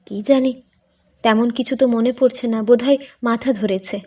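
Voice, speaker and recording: A woman's voice: fairly high pitch, steady tone, moderate pace, a little mellow, distant mic. A woman narrating a short story as an audiobook, reading steadily and expressively.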